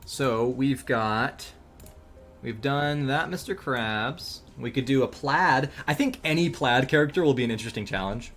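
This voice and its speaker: Male streamer, easygoing and chatty, mid-pitched voice, faint music underneath; casual drawing-stream talk. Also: measured pace. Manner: relaxed, rambling, thinks aloud with frequent ums and laughs. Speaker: streamer and animator. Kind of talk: casual chat while drawing on a livestream.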